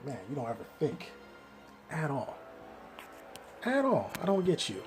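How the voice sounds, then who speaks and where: A man's voice: a little high, huge pitch swings, measured pace, music in the background. A man giving ranting reaction commentary, scolding and exasperated.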